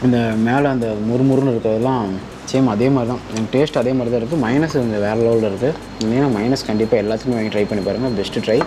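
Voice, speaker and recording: A man's voice: medium pitch, steady tone, very fast. A man reviewing food for his vlog, talking with his mouth full while chewing, eagerly urging viewers to try the dishes. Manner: enthusiastic, addresses viewers directly. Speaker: food vlogger. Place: cafe, indoors. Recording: noisy cafe ambience.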